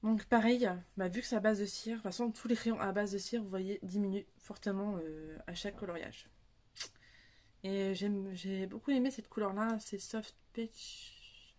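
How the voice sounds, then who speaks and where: A woman's voice: medium pitch, steady tone, normal speed, darkish tone. A young woman, chatting casually about her coloring supplies, rambling with many fillers and restarts. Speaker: coloring hobby vlogger. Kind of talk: casual chat showing supplies.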